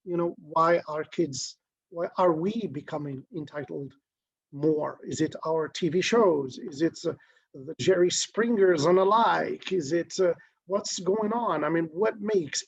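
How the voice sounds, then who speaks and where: High-pitched, gravelly, and husky, the voice belongs to a middle-aged Moroccan man speaking as a guest in a reflective, conversational interview, full of restarts as he thinks philosophically aloud. The audio has no echo and a dull, dry lo-fi character.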